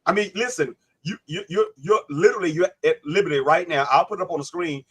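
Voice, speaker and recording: A man's voice: a little high, quick pace, fairly bright tone, husky. A man hosting a live online panel, debating insistently, cutting in and repeating his questions. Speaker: livestream host.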